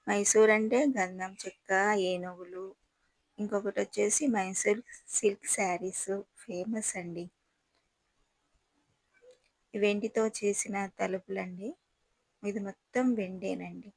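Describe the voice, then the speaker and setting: A woman's voice: mid-range voice, steady tone, unhurried, vocal fry, long pauses, darkish tone, no echo, poor audio. A woman gives a chatty, admiring guided tour and talks straight to her viewers. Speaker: travel vlogger touring a palace. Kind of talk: casual guided tour narration.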